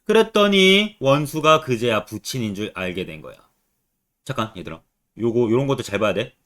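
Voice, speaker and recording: Male exam-prep lecturer, lively pitch. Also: moderate pace. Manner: quizzes students with rhetorical questions. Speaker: Korean literature teacher.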